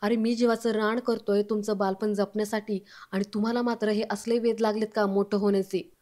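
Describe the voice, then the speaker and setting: A woman reading the lines of a strict older father scolding his family, in a mellow, flat voice. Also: medium pitch, a little fast, natural voice. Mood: furious.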